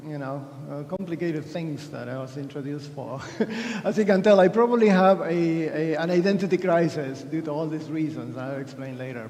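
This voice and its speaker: Speaking in a slightly high voice with a darkish tone, this Argentine man delivers a chatty keynote at a conference, poking fun at himself and restarting often. The large hall gives the recording an echoey, long-reverb sound.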